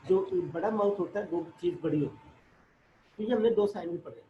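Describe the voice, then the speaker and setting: Step by step, a man with a high-sitting voice and a brisk delivery explains math to his class, asking and answering his own questions. There's echo in the room, plus dull lo-fi sound and a faint hiss of noise.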